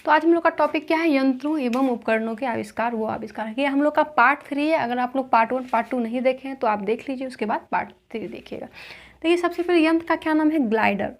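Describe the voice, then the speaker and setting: High-voiced woman teaching memory tricks. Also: quick pace. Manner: asks questions then answers them herself; spins little stories to fix facts in memory. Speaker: general knowledge teacher. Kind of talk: explanatory lesson with memory tricks.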